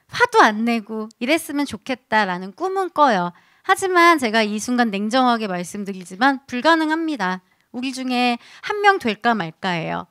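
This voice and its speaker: A woman giving a lively parenting lecture, acting out what babies think. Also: fairly high pitch, no room sound, clean studio sound. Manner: animated, acts out baby voices.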